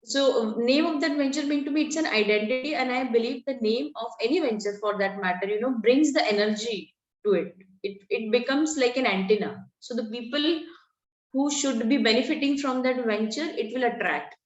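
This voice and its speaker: A woman's voice: a little high, brisk. Woman, Indian English accent, hesitant, many fillers, echoey room, dull lo-fi call sound. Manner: hesitant, full of fillers, mixing in Hindi words. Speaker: participant asking for advice.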